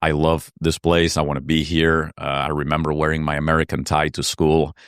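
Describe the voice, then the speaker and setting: Super deep-voiced guy from argentina, spanish his first language, earnest and reflective, smooth clear voice. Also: little pitch movement, a little fast, a bit bright, dry recording, clean studio sound. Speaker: entrepreneur guest. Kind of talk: conversational interview.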